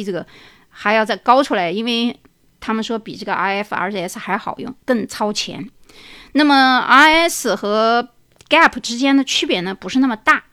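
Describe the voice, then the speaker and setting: A woman's voice: on the high side, fairly bright tone, dry recording, studio quality. A woman hosting a talk show, explaining things at length through many examples and often dropping in a filler "ah". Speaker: podcast host.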